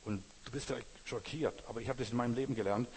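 A husky-voiced male pastor delivers a sermon with emphatic repetition, now and then breaking into loud, ringing exclamations. His voice rolls through a church hall with a long reverb tail. He speaks at a middling pitch, fervent and insistent. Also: rapid-fire. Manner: emphatic preaching, repeating phrases, rising to loud exclamations.

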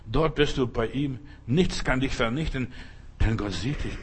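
A man's voice: medium pitch, unhurried, slight background noise. A man preaching a fervent sermon, repeating his points and calling out Hallelujah.

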